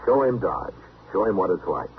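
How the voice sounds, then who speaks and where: An actor playing a calm, fair-minded American frontier marshal, measured and authoritative, in old radio western style. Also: male voice, deep voice, narrow, tinny audio. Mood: reasoning, placating. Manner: measured, reasonable, mediating. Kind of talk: 1950s radio western acting. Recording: band-limited, noisy old radio recording.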